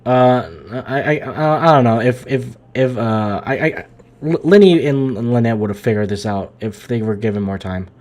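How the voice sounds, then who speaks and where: Over background game music, a male live-streamer jokes around, chats informally and reacts out loud in casual commentary. He speaks at a medium pitch and normal speed with lively intonation and a darkish tone.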